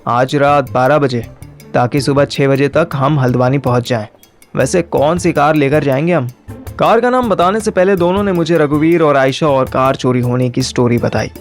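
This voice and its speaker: This man, the narrator and lead of an audio story, tells it in the first person and performs the dialogue in everyday Hindi blended with English. He speaks at a normal speed with a medium pitch, and soft music plays underneath.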